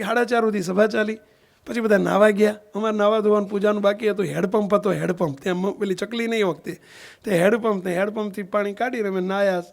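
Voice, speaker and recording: A man's voice: high voice, vocal fry. A man, a swami giving a sermon, telling a story and keeps asking his listeners whether they understood. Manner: acts out the voices of people in his stories. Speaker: swami preacher. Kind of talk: sermon storytelling in a Gujarati satsang.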